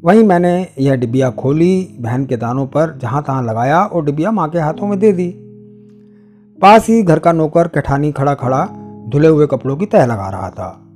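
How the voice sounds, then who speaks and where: A man's voice: a little high, expressive, normal speed, darkish tone. Man narrating a story over guitar. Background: faint guitar music.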